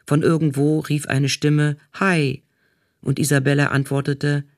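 A man reading a novel aloud in calm, even scripted narration. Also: on the high side, normal speed, dry recording, clean studio sound. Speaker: audiobook reader.

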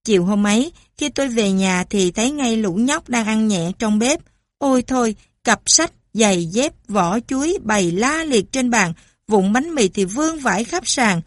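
A woman's voice: on the high side, animated, moderate pace, no room sound. A woman voicing a cheerful mother who tells stories theatrically. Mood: animated.

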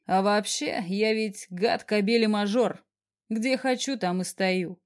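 A woman voicing a smug, teasing young male boss who speaks in a husky, rumbling drawl. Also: takes it slowly, lightly acted. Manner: drawling, mock-gentle.

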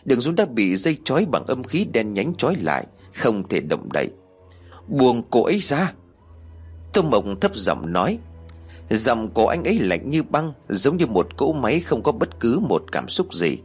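A man narrating a serialized audiobook in a steady storytelling manner. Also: mid-range voice, normal speed, husky, faint music behind.

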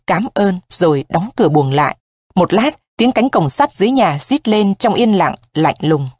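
A woman narrating a story in a slow, somber reading voice. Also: mid-range voice, darkish tone, no room sound, studio quality.

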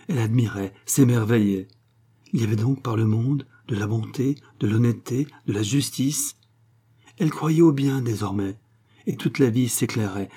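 Husky-voiced male story reader. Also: mid-range voice, dark tone. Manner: measured, dramatic storytelling. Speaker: narrator. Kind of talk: scripted narration of a literary short story.

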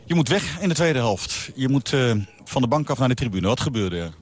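Reporter guy firing quick questions at the coach after the game. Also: medium pitch, big pitch swings. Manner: short direct questions. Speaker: sports reporter. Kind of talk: post-match interview questions.

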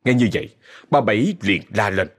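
A man narrating a ghost story in a dramatic, expressive way. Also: on the low side, moderate pace, breathy edge.

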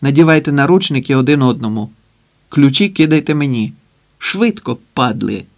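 A man voicing a furious, gleeful armed man who shouts coarse commands in an audiobook. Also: mid-range voice, animated, normal speed, gravelly. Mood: furious shouting.

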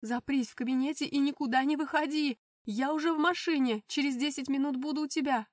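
A woman voicing the narrator's frantic middle-aged aunt, who is urgent and close to shouting on the phone. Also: high-pitched, fairly quick, no room sound, voice pushed up, lightly acted.

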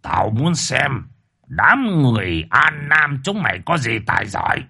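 Man doing a vengeful old sorcerer, slow, low, cold menace, faint music. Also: big pitch swings, creaky, pushed and bright, breathy edge, full character voice. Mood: menacing.

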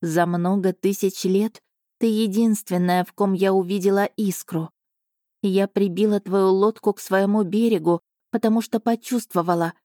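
A woman reading an audiobook voices an ancient female island spirit who speaks slowly and solemnly, imploring for help. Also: mid-range voice, steady tone, mellow, no echo, studio quality, close to an everyday voice. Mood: solemn earnest. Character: ancient female island spirit, pleading, gentle yet sorrowful.

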